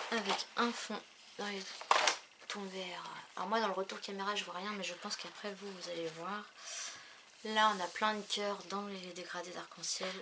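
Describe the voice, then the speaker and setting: Brief: chatty woman filming a craft haul at home on a tripod camera, mid pitch, noisy recording with clicks. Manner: chatty, admiring, trailing off with fillers. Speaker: crafting vlogger. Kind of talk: casual show-and-tell haul.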